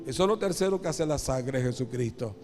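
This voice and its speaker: A man preaching a sermon as pastor. He speaks directly to his congregation and reads scripture slowly. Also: medium pitch, animated, a little mellow, long reverb tail, faint music behind. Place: church auditorium.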